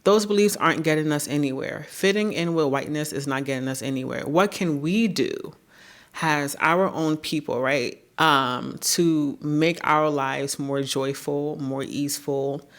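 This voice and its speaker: A YouTube creator, a woman with a naturally deep voice, offers reflective talking-head commentary to camera. She speaks in an earnest, measured way and often checks in with "right?".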